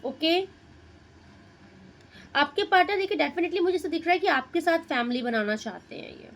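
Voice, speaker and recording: High-voiced woman giving a tarot reading. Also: normal speed, fairly bright tone, low-quality recording. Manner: Hindi-English mix, addresses viewer directly, muses over cards. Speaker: tarot reader.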